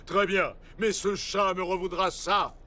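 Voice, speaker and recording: An actor voicing a vain, boastful male superhero puppet in a cartoon dub, excitable and whiny. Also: high voice, measured pace. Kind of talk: French cartoon dub acting. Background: cartoon score music.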